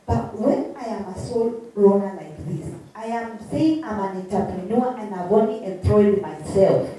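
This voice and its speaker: A mellow-voiced woman with a Kikuyu Kenyan accent speaks emphatically in a motivational interview style. She repeats her phrases and throws out rhetorical questions. The room is very echoey and the microphone sounds distant. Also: medium pitch, moderate pace. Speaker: interview guest, entrepreneur. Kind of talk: animated motivational interview talk. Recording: very echoey room, distant mic, faint noise.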